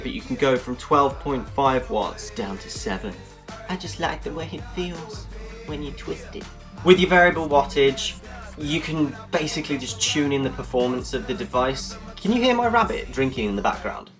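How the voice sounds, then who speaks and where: A man's voice: mid-range voice, a bit bright. A man giving a casual, jokey product review, explaining things step by step.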